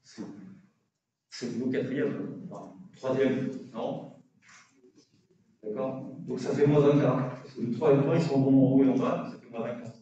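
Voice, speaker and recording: Through a face mask, a male university lecturer walks students through worked statistics calculations step by step, fixing his own slips and checking understanding with questions. His mellow, mid-range voice keeps fairly even intonation at a moderate pace. The recording is muffled and very reverberant, from a distant mic in the lecture room.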